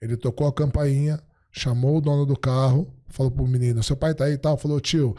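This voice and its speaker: A middle-aged man, a podcast guest, chatting casually and telling stories, acting out the dialogue he quotes in an animated way. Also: medium pitch, fairly quick. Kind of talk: casual storytelling chat.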